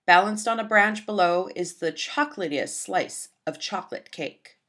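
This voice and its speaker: A woman with a medium-pitched voice reads aloud from a children's picture book. She keeps a moderate pace and tells the story in a gentle, expressive way.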